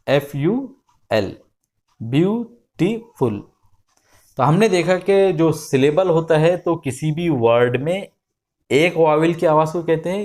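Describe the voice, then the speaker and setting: A man teaching a lesson, reading English instructions slowly and then explaining them in his own words. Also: on the high side, darkish tone.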